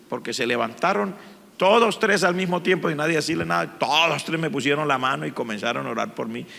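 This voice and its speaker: A man, a pastor, telling his testimony in a sermon, speaking with strong emotion and sudden loud swells. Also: fairly high pitch, vocal fry. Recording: long hall reverb.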